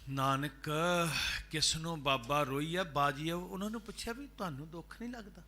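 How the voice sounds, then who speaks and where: A man with a Punjabi accent giving a sermon at a gurdwara, shifting between loud drawn-out chanting of scripture and quiet speech. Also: on the high side. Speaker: Sikh preacher giving katha. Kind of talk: sermon with sung scripture lines. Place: gurdwara hall, live broadcast.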